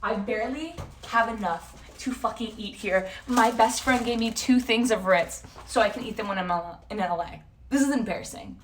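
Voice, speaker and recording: Speaking at a moderate pace in a slightly high voice, this early-twenties woman from San Jose and Toronto talks to her livestream audience with a North American accent. She sits far from the mic over slight background noise, rambling loosely in slangy speech and cutting herself off.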